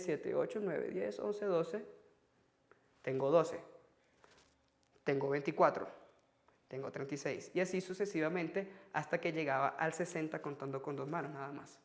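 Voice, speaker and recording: A man teaching a French lesson on video, explaining lively to his students and counting out examples on his fingers. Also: a little high.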